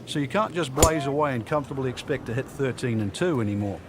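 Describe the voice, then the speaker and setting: Man playing golf commentator, folksy analyst, conversational, knowing, video game, mid-pitched, noticeable background ambience. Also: animated, quick pace, heavy background noise, natural voice. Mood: conversational, wry. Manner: conversational, explanatory.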